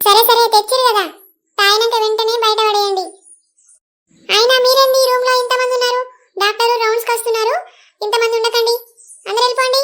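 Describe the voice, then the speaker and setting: A woman voicing a brisk, bossy hospital nurse in an animated comedy, giving firm, scolding instructions. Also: very high-pitched. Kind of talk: animated village comedy voice acting.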